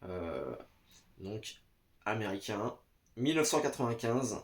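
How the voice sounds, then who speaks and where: Man, slow casual home vlogger, halting with fillers. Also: lowish voice, big pitch swings. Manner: hesitant, many "euh" fillers, addresses viewer as "tu". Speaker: vlogger reviewing VHS tapes. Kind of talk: casual chat to camera. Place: home basement. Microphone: camera in front.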